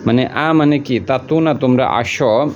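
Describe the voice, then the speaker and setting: A man with a middle-pitched, slightly mellow voice gives a word-by-word translation lesson at a measured pace, patiently and colloquially repeating each word and its meaning. The recording is a little muffled and lo-fi, with faint hiss in the background.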